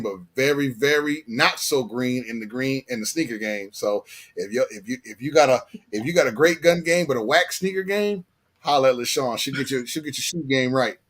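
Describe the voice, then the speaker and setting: A man's voice: medium pitch, a bit bright. Slangy American man hosting a live stream. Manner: slangy, repeats phrases for emphasis. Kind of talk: casual live chat.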